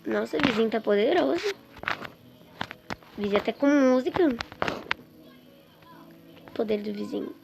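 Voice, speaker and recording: A woman chatting excitedly and with exasperation to her viewers while commenting on a game she is playing. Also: a little high, normal speed, gravelly, long pauses, over music. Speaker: gaming streamer. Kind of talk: casual gameplay commentary. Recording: noisy with clicks.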